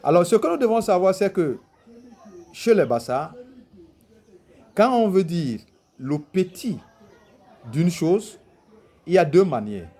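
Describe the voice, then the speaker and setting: A man gives an unhurried lesson, taking his time over each point. His voice sits rather high but sounds soft and mellow. He keeps posing questions and then answering them himself, the way a patient teacher does. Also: big pitch swings. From Cameroon. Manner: deliberate, poses rhetorical questions and answers them. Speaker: teacher of traditional spirituality. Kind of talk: explanatory teaching talk.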